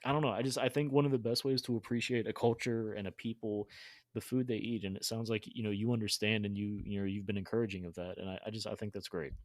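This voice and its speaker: A man's voice: lowish voice, steady tone, fast talker, no room sound. A young adult man hosting a podcast interview, talking enthusiastically with frequent restarts. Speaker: podcast host. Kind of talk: casual interview chat.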